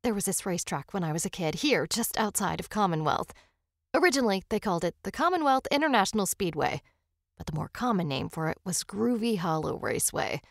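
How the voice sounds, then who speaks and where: A woman's voice: medium pitch, sing-song, fairly quick, gravelly, no echo, clean studio sound. A woman voicing a talkative small-town father who rambles folksily through his racing memories. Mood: reminiscing. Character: chatty small-town father recalling old racing days.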